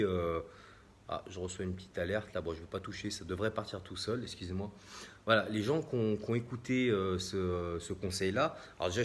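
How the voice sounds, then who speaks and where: A man with a French accent explaining property investing on a casual live stream, with frequent hesitations and restarts. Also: fairly low pitch. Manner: hesitant, many fillers and restarts. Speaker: real estate investor hosting a live stream.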